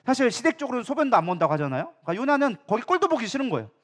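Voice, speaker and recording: A man preaching a sermon as pastor, animated and acting out quoted complaints. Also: extremely high pitch, very fast. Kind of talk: lively sermon.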